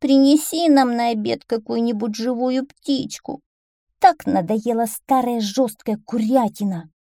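A woman's voice: a little high, a little slow, dark tone, dry recording, studio quality, pitched above the performer's own voice. A woman voicing two whining little fox cubs who plead with their mother in a storybook reading. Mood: whiny. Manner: whiny, pleading.

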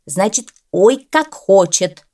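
A woman voicing a bossy, hot-tempered male cat who coaches a dog, shouting indignantly in a storybook reading. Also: medium pitch, animated, takes it slowly.

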